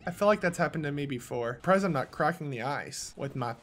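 Excitable man narrating his gameplay. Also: a little high, fairly quick. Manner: excitable, yells at opponents, jokey self-talk. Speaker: gaming video host. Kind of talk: casual gameplay commentary.

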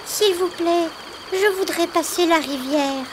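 A man voicing a small frightened boy in a storybook reading, speaking slowly and plaintively. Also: very high voice, background noise, voice pushed up. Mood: polite pleading. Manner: slow, plaintive, childlike.

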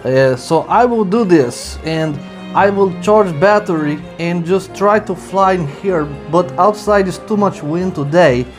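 Man in halting broken English, high voice. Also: soft background music. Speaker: RC hobby vlogger. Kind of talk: casual vlog commentary. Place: indoors at home.

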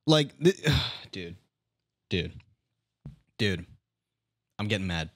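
A man's voice: deep voice, very animated, extremely slow, fairly bright tone, no echo, clean studio sound. A young man streaming, reacting to a video in casual commentary, exasperated and swearing as he rants.

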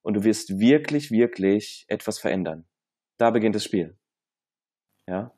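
A man's voice: fairly low pitch, lively intonation, a little slow, dark tone. A man talking as a guest coach in an interview, giving emphatic motivational advice and mixing in English phrases.

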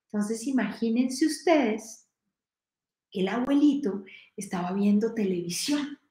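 Woman motivational speaker, animated live talk, fairly high voice, echoey room sound. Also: takes it slowly. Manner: animated, addresses the audience directly.

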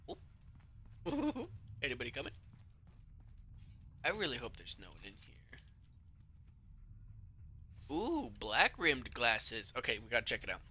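Chatty man with a bright lively voice. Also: mid-range voice, measured pace, long pauses, breathy edge. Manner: chatty, talks to game characters, sudden yelps and whispers. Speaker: let's play gamer. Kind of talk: casual game commentary.

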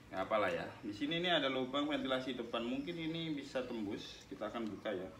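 Quick-paced and expressive, with a medium-pitched voice, a young motovlogger reviews a helmet, chatting to his viewers ("guys") while taking it apart. He's in a small indoor room with a tiled wall, and the far-off mic captures a noisy, echoey recording.

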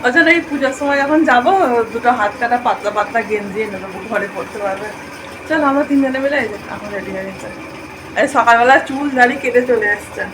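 A woman's voice: fairly high pitch, quick pace, noisy background. A woman vlogging casually at home, chatting to her viewers as friends. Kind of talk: casual home vlog chat.

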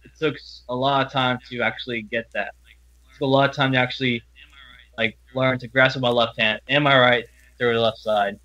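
A young man speaking earnestly as an interview guest, halting and often restarting his sentences. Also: mid-range voice, steady tone, sharp tone. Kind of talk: personal interview talk. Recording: dull, lo-fi audio.

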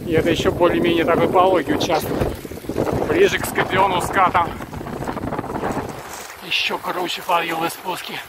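Filming his training on an action camera, a man skis a snowy forest trail and chats casually to the camera, rambling and pausing for breath. His voice is fairly high with little pitch movement, and wind noise rushes across the mic.

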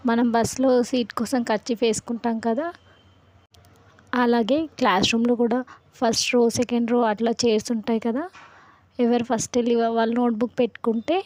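A woman chats to her viewers like a friend, telling an old hostel story. Her voice sits a little high, and she keeps breaking into giggles. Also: little pitch movement, moderate pace, darkish tone, rough recording. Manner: giggly, laughing while recalling. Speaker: vlogger. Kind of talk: casual storytelling to camera.

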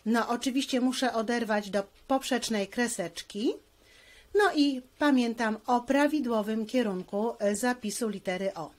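A woman teacher walks through a handwriting lesson at an unhurried, careful pace. Her voice sits a little high, and she explains each stroke patiently, step by step.

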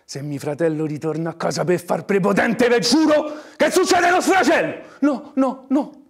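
A man acting an anguished working-class son in a dramatic monologue, with a Roman dialect accent, moving between hushed murmurs and impassioned outbursts. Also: a little high, unhurried, close to an everyday voice. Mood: anguished, heated. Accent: Roman (old Romanesco dialect). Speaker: actor.

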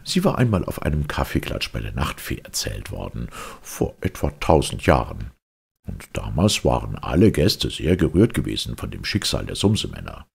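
Telling a fairy tale at a moderate pace, the male audiobook reader uses great theatrical expression and an animated, storybook delivery. His voice is very husky and extremely low, marked by a gravelly creak.

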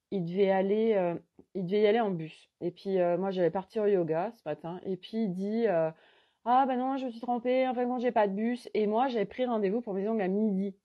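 Casting: middle-aged woman, holistic coach, loose chatty live storytelling, mid-pitched voice, muffled lo-fi audio. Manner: rambling, chatty, animated retelling. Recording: dull lo-fi sound.

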